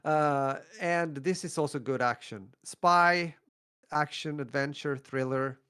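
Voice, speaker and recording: A man's voice: fairly high pitch, takes it slowly, pushed and bright, smooth. A man with a French accent co-hosting a podcast, chatting casually and hesitantly about films he recommends. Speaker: podcast co-host.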